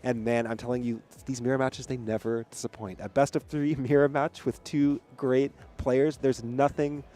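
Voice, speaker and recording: A man's voice: medium pitch, level tone, moderate pace, mellow, faint music behind. A man giving analytical play-by-play commentary on a card game tournament. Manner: analytical, counting out plays.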